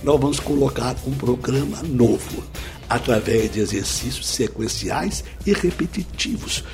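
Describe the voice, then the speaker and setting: A middle-aged man, explaining a teaching method as an interview guest through lively step-by-step examples. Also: medium pitch, unhurried, faint music behind. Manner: lively, didactic, full of examples. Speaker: speed-reading teacher, guest.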